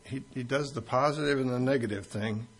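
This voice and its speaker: A man delivering a teaching sermon in a church, his voice gravelly with a husky edge. He speaks conversationally, drops in homely stories and teases members of the congregation. His pitch sits at an ordinary middle height for a man. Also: brisk. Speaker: pastor. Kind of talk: expository sermon with anecdotes.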